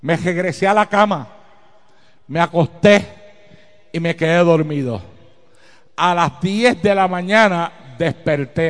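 High-voiced pastor preaching in a reverberant hall. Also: male voice. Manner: testimony told slowly, building to shouts. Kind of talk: sermon.

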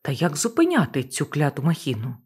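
A woman narrating a first-person novel as an expressive audiobook reading. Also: sits low, brisk, husky.

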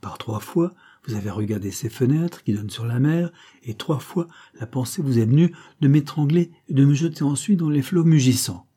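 A man's voice: mid-range voice, expressive, normal speed, few pauses, mellow, husky. A man reading an audiobook voices a cold, implacable scheming creole woman who speaks in a cool, threatening, commanding way. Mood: coldly threatening.

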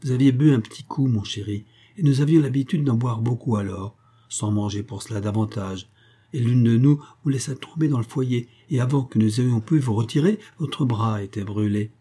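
A man's voice: medium pitch, normal speed, mellow, slightly rough, close to an everyday voice. A man reading a storybook aloud, voicing a cunning, spiteful old grandmother who coaxes and wheedles. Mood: wheedling. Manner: wheedling, calls everyone dear.

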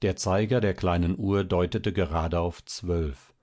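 Deep-voiced man reading a classic tale. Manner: calm, measured reading. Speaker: audiobook narrator. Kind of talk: scripted narration.

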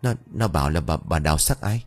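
A man voicing a gruff, quick-tempered old village husband who talks in curt, irritable grumbles. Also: extremely low pitch, animated, faint music behind, pitched below the performer's own voice.

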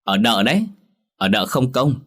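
Một người đàn ông lồng giọng lão địa chủ già tham lam, nói cộc cằn, ra lệnh. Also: male voice, mid-range voice, expressive, normal speed, fairly bright tone, pitched above the performer's own voice. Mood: gruff. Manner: gruff, commanding. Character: stern, greedy old male landlord.

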